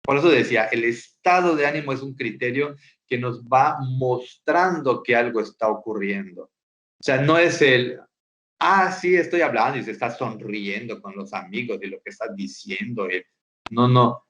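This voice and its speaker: A man's voice: mid-range voice, moderate pace, a bit bright. A man, a school psychologist giving a webinar presentation, hesitant and often repeating words and checking in with rhetorical questions.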